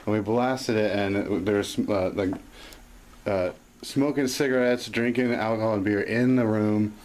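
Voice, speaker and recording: A man's voice: lowish voice, fairly even intonation, measured pace, darkish tone. A man co-hosting a casual chat, telling rambling stories full of restarts and fillers and laughing along. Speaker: podcast co-host and gigging musician. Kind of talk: casual conversational storytelling.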